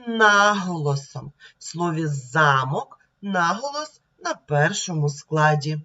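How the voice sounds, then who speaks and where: A woman teacher giving a slow, clear reading lesson to young children, sounding words out one by one. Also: sits low, expressive, pushed and bright, lo-fi sound. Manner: sounds words out slowly and deliberately. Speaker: primary school teacher.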